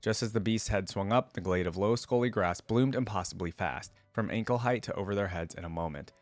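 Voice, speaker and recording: He's a game lore reaction host with a lowish voice who reads a story aloud fairly quickly, breaking in with informal, slangy commentary. There's no room sound, just faint music behind him.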